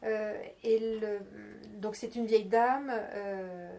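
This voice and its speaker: A woman's voice: medium pitch, fairly even intonation, slow, a little mellow, a little hiss or hum. Searching woman host at a bookshop. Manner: searching, trailing off mid-sentence. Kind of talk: bookshop conversation.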